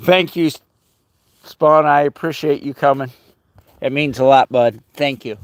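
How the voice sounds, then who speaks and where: A man's voice: medium pitch, a little slow. A man chatting casually on a livestream outdoors in the snow at his rural home, talking to viewers and his dogs. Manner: chatty, talks to his dogs in a raised playful voice. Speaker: livestreamer and dog owner.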